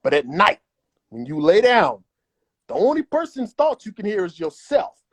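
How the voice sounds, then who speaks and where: A man's voice: sits high, wildly swooping pitch, normal speed. A man as an interview guest giving emphatic, repetitive advice in a casual chat. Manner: emphatic and repetitive, acts out imagined voices.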